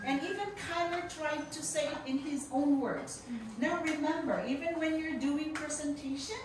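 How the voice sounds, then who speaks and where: A woman's voice: high voice, fairly even intonation, moderate pace. A woman teacher giving encouraging spoken feedback on presentations, often checking in with her listeners. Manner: encouraging, repeats "okay" as a check. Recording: echoey noisy room, distant mic.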